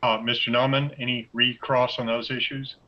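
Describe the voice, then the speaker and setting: A man serving as judge in a virtual mock trial, speaking politely and haltingly with many fillers over a video call. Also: mid-range voice, little pitch movement. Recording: dull lo-fi video call audio.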